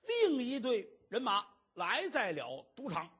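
Brief: traditional storyteller, husky, animated, lo-fi. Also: mid-range voice, unhurried. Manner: animated, dramatic. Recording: dull lo-fi recording.

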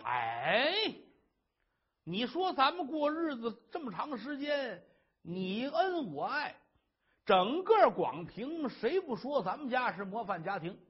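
A man's voice: extremely high pitch, very animated, breathy edge, pitched above the performer's own voice, exaggerated voice. A male storyteller voicing a doting scholar husband who coaxes and boasts to his weeping wife. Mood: coaxing. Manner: coaxing, blustering, quick-talking. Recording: dull lo-fi recording.

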